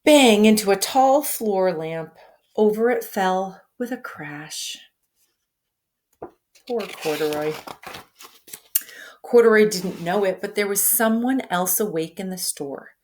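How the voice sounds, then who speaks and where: A teacher with a medium-pitched female voice reads a picture book aloud to children, slowly and with long pauses. She's expressive and draws her listeners in with questions.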